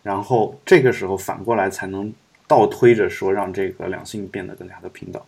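A man's voice: deep voice, steady tone, fairly quick, vocal fry, darkish tone, breathy edge. A man hosting a podcast, talking through his views in a rambling, reflective way with many fillers and restarts. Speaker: podcast host. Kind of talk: casual podcast discussion.

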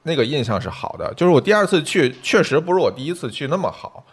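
A man's voice: on the high side, big pitch swings, fast talker, breathy edge. A man chatting casually and animatedly as a podcast co-host, giving his opinions freely. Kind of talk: casual chat about restaurants.

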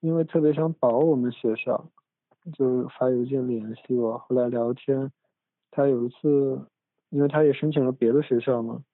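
A man's voice: medium pitch, fairly even intonation, moderate pace, no room sound. Man chatting on a tinny phone recording. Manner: rambling, many restarts and asides. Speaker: podcast host. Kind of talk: casual academic chat. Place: room in a family home.

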